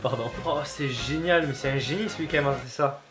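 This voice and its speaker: A man chatting casually to camera in a cooking vlog, excitable and playful, often repeating words in a slangy, mock-boastful way. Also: medium pitch, fairly quick, over music. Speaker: vlog host and amateur cook.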